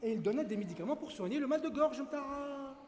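A man with a Tunisian accent reading a children's story aloud in an animated way, with playful asides. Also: very high voice, fairly quick, slight background noise. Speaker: speaker. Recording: echoey hall, faint ambience.

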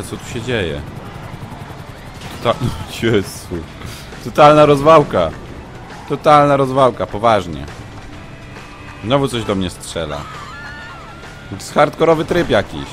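A man commenting live on his own gameplay, muttering to himself and breaking into shouts and yelps when things go wrong. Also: mid-range voice, measured pace, pauses often, faint music behind. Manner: excitable, shouts and yelps when under fire. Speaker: gaming streamer.

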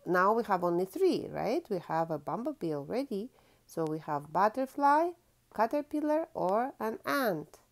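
A woman hosts a children's storytime, reading a picture book aloud with expression, drawing out key words and prompting her young listeners the way a teacher would. Her voice is a little high and a little mellow.

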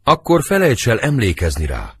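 A man reading the part of Benvolio, Romeo's loyal young friend, with an earnest, husky delivery for an audiobook. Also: medium pitch, huge pitch swings. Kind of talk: audiobook verse drama reading.

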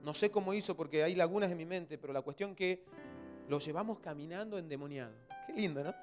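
A man in his thirties, a pastor from Argentina with an Argentine accent, preaching a fervent sermon that swings between loud exhortation and quiet storytelling. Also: fairly high pitch, fairly quick, over music. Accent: Argentine Spanish. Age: 30s.

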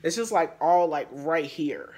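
A woman with a low, darkish voice takes her time, speaking expressively and unhurriedly as she runs through a casual haul video. She's nasal and congested with allergies, and her delivery rambles with plenty of fillers.

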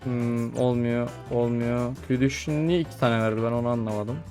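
A young man commenting on his gameplay as he plays, talking to the creatures on screen and calling out excitedly. His voice sits at an ordinary pitch, with faint music playing behind him. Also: normal speed. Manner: chatty, talks to mobs, frequent excited exclamations. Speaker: gaming YouTuber.

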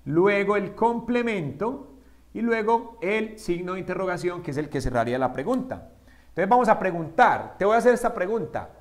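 Man, high-pitched, Spanish speaker, English grammar lesson, questions to the class, slow example sentences. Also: lively intonation. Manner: asks the students questions and answers them himself; slows down to spell out English examples. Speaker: English teacher.

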